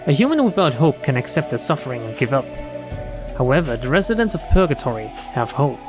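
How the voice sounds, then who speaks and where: With a mid-range voice that swings widely in pitch, a man rattles quickly through visual novel text, voicing both the narration and the dialogue like a dramatic storyteller during a game stream. Game music runs in the background.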